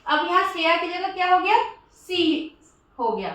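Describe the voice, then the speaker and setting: A woman teaching English grammar, explaining patiently, repeating herself and slowing down to spell out example sentences as she writes them. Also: very high voice, expressive, a bit bright. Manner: patient, repeats points with frequent "ठीक है"; slows down to spell out example sentences while writing. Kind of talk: classroom-style explanation. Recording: very echoey room, distant mic.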